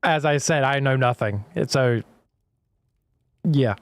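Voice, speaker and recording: A man's voice: medium pitch, takes it slowly, no echo. Brief: male streamer, casual profane game commentary, dry close mic. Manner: excitable, profane, talks to his chat.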